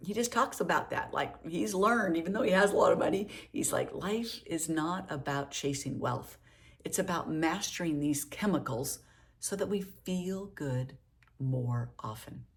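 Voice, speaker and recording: A woman's voice: deep voice, vocal fry. A middle-aged woman giving an upbeat, conversational wellness talk, coaching her listeners with plenty of casual fillers. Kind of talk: motivational talk.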